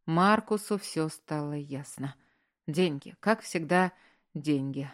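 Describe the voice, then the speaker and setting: A woman reading a story aloud in measured, earnest scripted narration, as an audiobook narrator. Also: deep voice.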